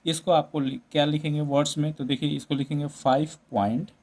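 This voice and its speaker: A man with a somewhat high, level voice teaches a maths lesson at a brisk clip, his tone a little mellow. He works through it step by step in Hindi, slipping in English number words and frequently checking in with tag questions, classroom style.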